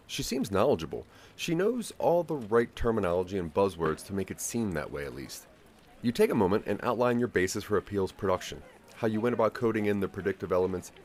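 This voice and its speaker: A man with a lowish voice narrates a scripted audio drama in the second person, using a measured storytelling delivery.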